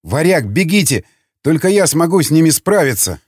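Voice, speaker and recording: A man's voice: fairly high pitch, very animated, normal speed, a little mellow, breathy edge, dry recording, studio quality. A man voicing a frantic post-apocalyptic survivor. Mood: shouting. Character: Vasnetsov, a desperate man, male stalker losing his mind.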